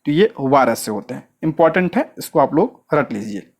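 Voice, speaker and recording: In a steady, medium-pitched voice with a breathy edge, a coaching teacher gives an exam-prep lecture at normal speed. He poses rhetorical questions and immediately answers them, creating a question-and-answer rhythm. Short check-ins come often, and he keeps restressing what matters.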